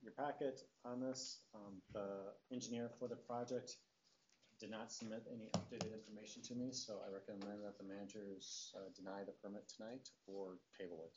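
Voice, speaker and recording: Low-voiced man advising a board. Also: steady tone, brisk. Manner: formal, addresses the board by title. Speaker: district staff advising the board. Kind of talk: formal staff report at a meeting. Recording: muffled meeting recording, faint noise.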